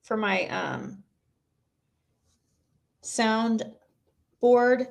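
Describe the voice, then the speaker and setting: A woman streamer with a squeaky voice chatting bluntly and rambling with her viewers, recorded on a cheap mic. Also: drawn-out words, vocal fry. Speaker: streamer reading chat. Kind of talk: casual live-stream commentary. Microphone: cheap twelve-dollar mic.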